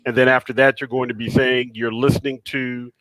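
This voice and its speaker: Male producer, wry and directive; mid pitch, dry sound. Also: level tone, fairly quick, a bit bright, no room sound, poor audio. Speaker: show producer. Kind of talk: casual banter on a video call.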